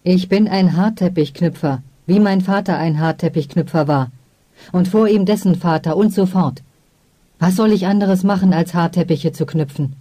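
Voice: mid-range voice, normal speed, close to an everyday voice. Ein Vorleser, der in einer Hörbuchlesung einen verbitterten, sturen Haarteppichknüpfer spricht, der wütend schreit und giftet. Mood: trotzig. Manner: shouting, snapping. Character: bitter old hair-carpet knotter, stubborn, furious. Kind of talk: audiobook character voice.

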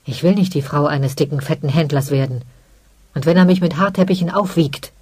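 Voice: medium pitch, normal speed, no room sound, natural voice. A reader voicing a heartbroken, defiant young woman, the merchant's daughter. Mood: tearful defiant. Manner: pleading, tearful, then shouting.

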